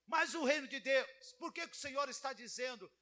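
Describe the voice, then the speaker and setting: A male pastor preaching a sermon in an animated way, acting out the people he quotes. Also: extremely high pitch, fairly quick.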